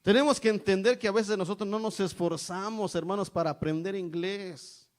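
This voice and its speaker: A high-pitched middle-aged man from Mexico delivering an evangelical sermon. He preaches emphatically and peppers nearly every phrase with a call to his brothers and sisters. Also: normal speed. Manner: repeats "hermanos" constantly, emphatic preaching.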